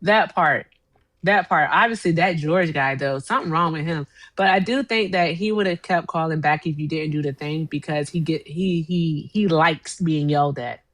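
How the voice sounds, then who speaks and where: A woman with a Tidewater Virginia accent, co-hosting a stream, chatty and quick to laugh as she reads out messages. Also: sits low, a bit bright. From Norfolk, Virginia. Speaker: stream co-host reading donations. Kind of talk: casual chat.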